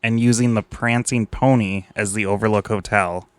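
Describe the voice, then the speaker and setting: A man on a podcast reading a writing prompt aloud, slow and deliberate. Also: fairly low pitch, steady tone, no room sound. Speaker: podcast co-host.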